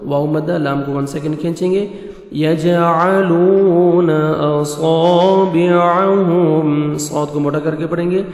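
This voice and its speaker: A man teaching Quran recitation, explaining each letter's pronunciation in brisk steps and chanting verses slowly and melodically. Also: on the high side, steady tone, mellow, echoey room, in a large hall, faint music behind.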